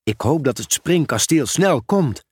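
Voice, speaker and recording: A man's voice: on the high side, lively intonation, measured pace, husky, no echo, studio quality, voice pushed up. A man voicing a kind female schoolteacher in a storybook reading, raising his voice for her. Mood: encouraging.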